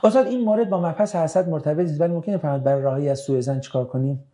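A man leads a religious class, reading out listeners' questions and answering them briskly. His voice sits a little high for a man but has a warm, mellow color. He talks plainly and slips in dry jokes. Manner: brisk, conversational, with dry joking asides. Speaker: religious teacher.

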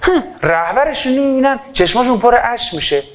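A man giving an impassioned sermon into a microphone. He swings between loud fervor and quiet asides and acts out little dialogues. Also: extremely high pitch, expressive. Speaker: preacher.

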